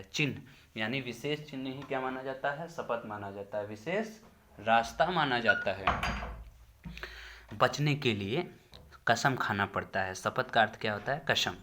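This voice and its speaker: A man's voice: medium pitch, sharp tone. A male teacher explaining a poem line by line, repeating each phrase and then asking and answering his own questions. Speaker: Hindi teacher.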